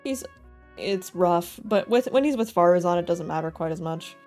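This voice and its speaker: A woman's voice: on the low side, animated, moderate pace, darkish tone. A young woman streaming a game, chatting casually and giggling as she talks to her chat. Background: faint game music.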